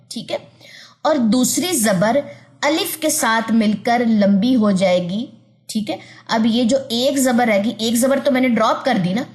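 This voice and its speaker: Woman, tajweed teacher, patient, repeats and checks understanding, slow drawn-out letter sounds, close voice-over. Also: on the high side, darkish tone. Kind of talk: online tajweed lesson.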